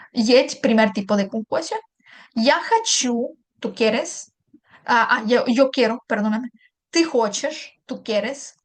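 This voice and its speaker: High-voiced woman teaching a patient lesson. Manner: patient, explains step by step with short checks; repeats and translates examples. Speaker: Russian teacher. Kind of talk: online language lesson.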